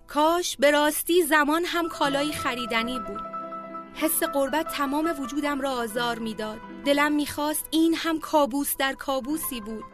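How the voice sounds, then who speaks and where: A woman with a high voice reads a personal memoir in a heartfelt, measured way. Soft music plays faintly behind her as she tells the story. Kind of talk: emotional memoir narration.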